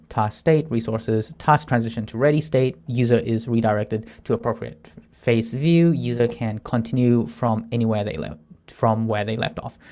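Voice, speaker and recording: A Thai man in his thirties streams himself writing software, thinking out loud as he codes and reads through his plan text. His voice sits in the middle range, and he mumbles half to himself, dropping soft murmured asides while he reads. When nervous he gets halting, stumbling over words and starting sentences again.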